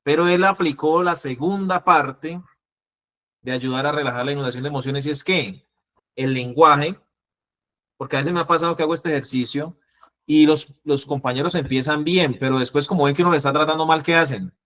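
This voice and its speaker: Colombian man teaching a lively class. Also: a little high, brisk. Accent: Colombian Spanish. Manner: lively, acts out calming phrases. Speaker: instructor.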